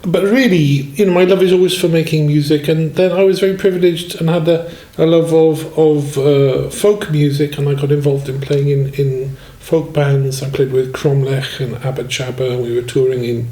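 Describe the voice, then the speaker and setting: A man in his sixties from Swansea, a musician telling his life story in a relaxed, rambling way and often saying "you know". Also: a little high, moderate pace, hardly any pauses. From Swansea, Wales. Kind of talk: relaxed autobiographical chat. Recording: echoey room.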